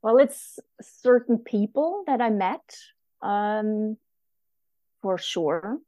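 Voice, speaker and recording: Slow, mellow-voiced woman. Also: mid-range voice, animated, no echo. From Germany. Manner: halting, reflective, heartfelt. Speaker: guest. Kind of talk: casual conversation.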